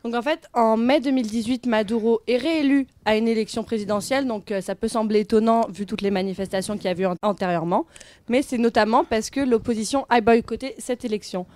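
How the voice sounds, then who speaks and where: Young woman explaining the news, steady and informative, kinda high voice, dry studio sound. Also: fast talker, no echo. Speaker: student radio presenter. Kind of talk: read explanatory segment.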